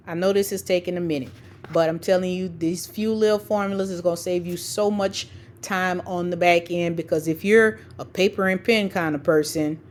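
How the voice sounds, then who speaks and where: A woman teaching a screencast tutorial step by step, dictating formulas piece by piece and checking in informally as she goes. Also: lowish voice. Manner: informal, checks in often with "okay" and "right". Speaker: spreadsheet tutorial instructor for educators. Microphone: screen-recording voice-over.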